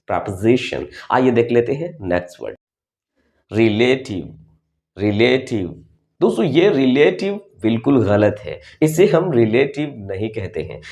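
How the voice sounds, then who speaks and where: Indian guy doing a pronunciation lesson, voice jumps up and down a lot, says every word twice, close mic. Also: mid-range voice. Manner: animated teacher, repeats each word twice. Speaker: English pronunciation teacher. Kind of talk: video lesson in Hindi mixed with English.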